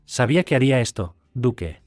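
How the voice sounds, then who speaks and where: A man's voice: medium pitch, big pitch swings, fairly quick, a little mellow, no room sound, natural voice. A man voicing a devoted adult woman guardian who speaks firmly and defiantly. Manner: firm, defiant. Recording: dry close mic, faint music.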